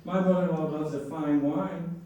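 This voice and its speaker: A middle-aged man performing stand-up comedy in setups and punchlines with pauses, to a laughing audience. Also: a little high, fairly even intonation, dark tone. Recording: roomy echoing live venue, distant mic, faint noise.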